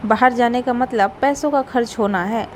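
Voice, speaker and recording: A woman's voice: on the high side, moderate pace, darkish tone, slight background noise, natural voice. A woman voicing a sly, newly married young wife who shifts blame onto others. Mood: chatty. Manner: pleading, two-faced.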